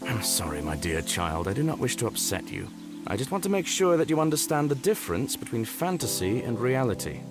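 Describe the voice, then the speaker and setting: A man voicing a stern but gentle father in a video game, a rational man of science, lecturing earnestly and with measured words. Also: mid-range voice, big pitch swings, music in the background. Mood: apologetic, earnest. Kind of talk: dramatic video game voice acting.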